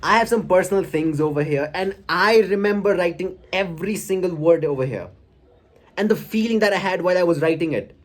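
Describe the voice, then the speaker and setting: A young man with an Indian accent talks casually and haltingly, reflective and a little self-conscious as he shares his old diary. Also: sits high, expressive. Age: young adult. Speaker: vlogger. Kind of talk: casual personal storytelling, reading from an old diary. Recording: clearly audible background noise.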